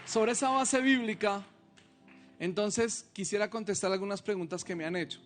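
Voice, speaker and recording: A man's voice: sits high, steady tone, moderate pace, a bit bright, soft background music. A male pastor preaching a sermon, reading scripture aloud and asking the congregation rhetorical questions.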